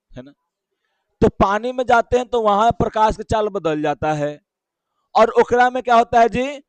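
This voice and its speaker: A man with a Bihari Hindi accent teaching a physics class, explaining slowly, repeating key terms and checking again and again whether students follow. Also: high-pitched, clear, resonant tone, dry recording. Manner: keeps asking students short check questions.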